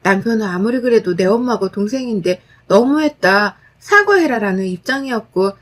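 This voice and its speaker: A woman's voice: medium pitch, expressive, moderate pace. A woman narrating a first-person family story, blunt and matter-of-fact.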